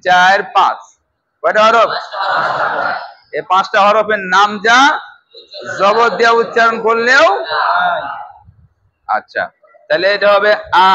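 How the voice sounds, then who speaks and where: A man's voice: high voice, dull audio, heavy background noise. A man from Bangladesh teaching a Quran reading class, leading learners through call-and-response drills and often raising his voice.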